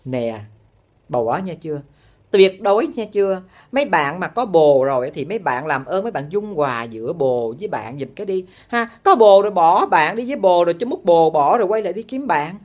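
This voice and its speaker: A woman's voice: lowish voice, very animated, a little fast, a little mellow. A woman with a Southern Vietnamese accent ranting comically to her audience in a blunt, exaggerated way. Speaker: vlogger.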